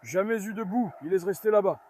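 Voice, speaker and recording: A man filming a casual vlog at his farm, coaxing and calming his dogs while chatting to viewers. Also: sits high, brisk. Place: farmyard outdoors.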